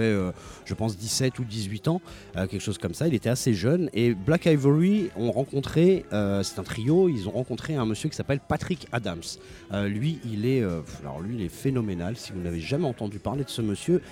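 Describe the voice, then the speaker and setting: A man's voice: mid-range voice, mellow. A man hosting a live music radio show, talking casually with many hesitations and restarts. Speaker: radio host.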